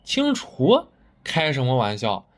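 A man's voice: fairly high pitch, big pitch swings, normal speed, slightly rough. A man voicing a middle-aged car dealership manager who blusters and stammers when flustered. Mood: outraged.

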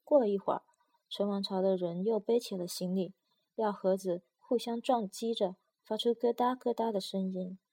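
A woman narrating a storybook in an even, storytelling manner. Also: medium pitch, normal speed.

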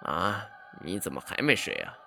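A man voicing an irritable, secretive elderly great-uncle in a storybook tale, grumbling low and impatient. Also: huge pitch swings, normal speed, vocal fry, sharp tone, slight background noise, full character voice. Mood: sleepy, impatient.

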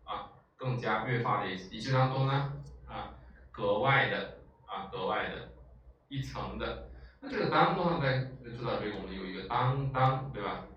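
A man's voice: lowish voice, moderate pace, muffled recording. Man teaching in an echoey room. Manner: explanatory, frequent filler sounds and rhetorical checks. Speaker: Japanese language teacher. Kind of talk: classroom lecture. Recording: echoey room, far from mic, faint noise.

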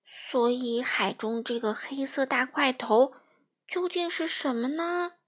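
A woman doing a squeaky, excited little fish boy. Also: takes it slowly. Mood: puzzled. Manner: high and excited. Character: small brave silver fish, male, eager.

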